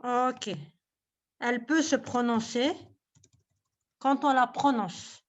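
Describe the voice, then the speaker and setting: Woman teacher with a high voice, slow and patient, on dull video-call audio. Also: fairly even intonation. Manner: slow, patient, repeats "ok?" after each point. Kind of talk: online class lesson.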